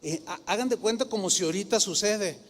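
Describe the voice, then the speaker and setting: An older male pastor preaches in a lively storytelling sermon, lending voices to the people he tells about. His voice sits high for a man and carries a long echo through a church hall. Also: fairly quick. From Mexico. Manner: animated, acts out voices in his stories. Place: church service.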